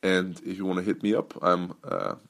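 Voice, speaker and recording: A man's voice: low-pitched, big pitch swings, normal speed, vocal fry, fairly bright tone. A Dutch man hosting his own podcast as a business coach, talking loosely with many fillers and restarts. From Netherlands. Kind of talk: casual solo podcast talk.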